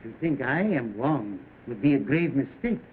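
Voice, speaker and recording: A mysterious gentleman played by a man speaks with formal, guarded courtesy and very mobile pitch. The manner is measured 1930s film acting. The sound is tinny with some hiss. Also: very animated, close to an everyday voice. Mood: guarded, courteous.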